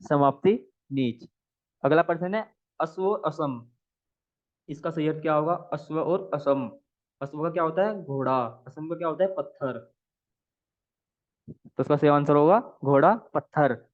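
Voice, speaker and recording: A man's voice: on the high side, measured pace, long pauses. A man teaching a Hindi exam practice lesson. He asks questions and answers them himself, repeating each answer several times. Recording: tinny phone-like audio.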